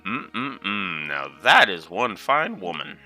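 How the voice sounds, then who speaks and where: A man plays an easygoing game character leering like an old lecher. His voice is low and very bright, with music behind it. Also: big pitch swings, slow pace, full character voice. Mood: leering appreciation.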